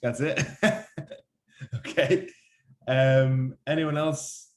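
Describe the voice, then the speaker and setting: A young man with an Irish accent giving a casual, chatty workshop talk, rushing along with lots of ums and restarts. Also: mid-range voice, steady tone, reverberant. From Ireland. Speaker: workshop speaker. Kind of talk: casual presentation on a video call.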